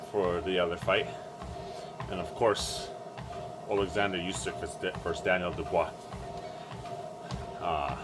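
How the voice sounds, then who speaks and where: A man giving casual, halting solo sports commentary, thinking aloud while exercising on a treadmill. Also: low-pitched. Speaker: boxing vlogger giving fight predictions. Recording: music playing behind the voice.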